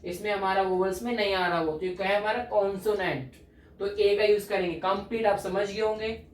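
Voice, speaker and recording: A man's voice: sits high, steady tone, a little fast, a little hiss or hum. A man teaching English grammar, explaining patiently, repeating key points and checking often that students follow. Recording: echoey room from a distance.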